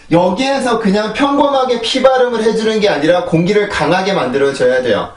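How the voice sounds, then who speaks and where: Man teaching pronunciation in an echoey room. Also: high voice. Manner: patient, repeats words in drills, asks "그죠?". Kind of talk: explaining lesson with drills. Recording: echoey room, mic at a distance.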